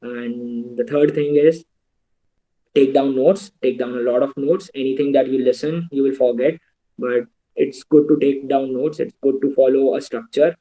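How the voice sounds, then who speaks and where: This young Indian guest speaker addresses students in an online talk over video, offering earnest, practical advice in Indian English and dropping into Hindi now and then. His mid-pitched voice is mellow and dark, his intonation fairly even, his pace normal. Audio quality is poor.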